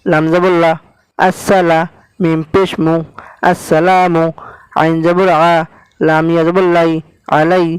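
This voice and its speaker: Slow, high-voiced man spelling out syllables. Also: flat delivery, smooth, no room sound, rough recording. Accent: Bangladeshi Bengali. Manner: spells out each syllable then blends it. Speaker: Quran recitation teacher. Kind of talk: slow spelled-out recitation lesson.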